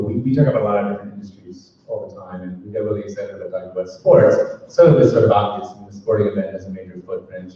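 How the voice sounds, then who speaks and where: Male panel host, low, dark voice; long-winded questions; distant, echoey recording. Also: muffled recording, a little hiss or hum. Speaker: host and moderator. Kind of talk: moderating a live panel.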